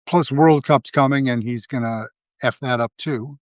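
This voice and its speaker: A man's voice: medium pitch, moderate pace, dry recording. A man hosting a live video, talking through casual commentary, rambling with lots of fillers and restarts. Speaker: livestream host.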